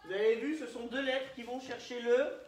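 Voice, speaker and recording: A woman's voice: a little high, steady tone, a little mellow, far from the mic. Woman teacher, patient and coaxing, echoey room with faint noise. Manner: patient and coaxing, sounding out syllables slowly. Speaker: primary school teacher. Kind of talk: classroom lesson for young children.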